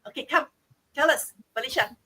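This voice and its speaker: A woman's voice: high-pitched, a little fast, pushed and bright, rough recording. A middle-aged woman from Singapore with a Singaporean English accent, hosting a live-streamed chat on a video call in a bubbly, upbeat way. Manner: upbeat, bubbly hosting with frequent checks like okay and right. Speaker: livestream host.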